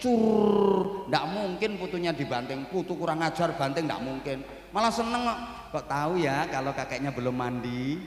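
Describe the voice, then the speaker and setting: A middle-aged man with a Javanese accent preaches a humorous sermon through a stage microphone. His voice sits a little high for a man, and he tells his stories with lively turns, acting out the characters he describes. The sound rings around a large hall with a long, echoing tail. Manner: animated storytelling, mixing in Javanese, mimicking characters. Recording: echoey hall with long reverb.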